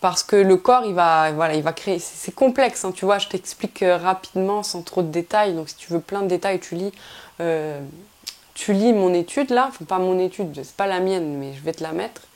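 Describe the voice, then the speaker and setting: A woman's voice: fairly low pitch, normal speed, a little mellow. A young woman giving casual fitness advice straight to the viewer, slangy and informal, full of fillers and restarts. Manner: chatty, informal and slangy, addresses viewer as tu with frequent "tu vois". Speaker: fitness vlogger. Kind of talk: casual direct-to-camera advice.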